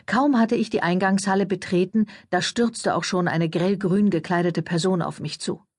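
A woman reading a first-person audiobook in a calm, measured storytelling manner. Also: lowish voice, dry recording, clean studio sound. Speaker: audiobook narrator.

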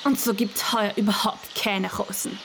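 A woman's voice: medium pitch, fairly even intonation, vocal fry, a bit bright, slight background noise. A woman voicing a sorrowful frost-bitten rose bush. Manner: subdued, slow, solemn.

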